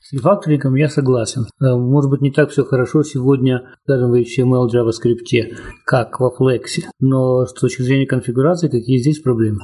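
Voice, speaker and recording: Husky mellow man challenging a colleague. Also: medium pitch, steady tone, fairly quick. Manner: challenging, questioning. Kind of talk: technical discussion.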